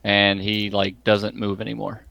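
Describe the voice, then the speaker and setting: A man's voice: on the low side, monotone, a little slow, gravelly, bright, forceful tone, clear, resonant tone, dull audio. A man running a tabletop game as game master, talking in a loose, rambling way full of fillers.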